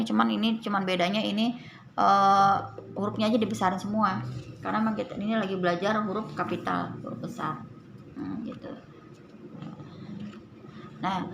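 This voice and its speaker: A woman tutor patiently walking through a reading and writing workbook, explaining points slowly and repeating them. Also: mid-range voice, vocal fry, noisy background. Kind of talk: casual tutorial walkthrough.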